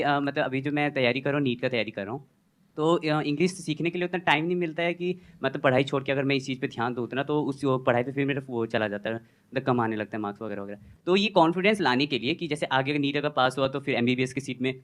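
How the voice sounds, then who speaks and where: A man's voice: mid-range voice, fast talker. A young male student in the audience, asking a long, hesitant question full of fillers. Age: young adult. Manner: hesitant, rambling with many fillers. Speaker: audience member, medical exam student.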